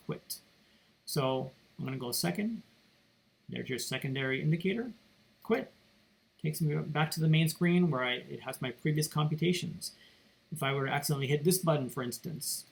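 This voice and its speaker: A man's voice: a little high, vocal fry, poor audio. A man teaching math, walking students through calculator steps in a casual, think-aloud way while seated at his computer. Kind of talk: recorded calculator tutorial lecture. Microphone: computer mic.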